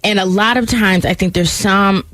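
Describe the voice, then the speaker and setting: A woman speaking as a guest on a radio panel, relaxed and conversational. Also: mid-range voice, moderate pace, no room sound.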